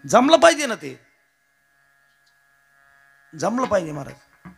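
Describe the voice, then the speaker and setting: A man's voice: high voice, wildly swooping pitch, slow, gravelly, soft background music. A man with a Marathi accent preaching a devotional kirtan, telling stories, joking with the crowd and calling on listeners to answer back. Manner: calls out to the audience and has them answer back; addresses listeners as maharaj, jokes with the crowd. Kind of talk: devotional storytelling sermon.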